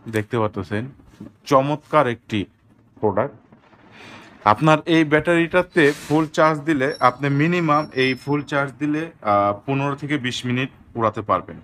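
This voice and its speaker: A man from Bangladesh selling drones, giving a slow, deliberate product demo with a lot of repetition. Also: mid-range voice, fairly bright tone. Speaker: drone seller.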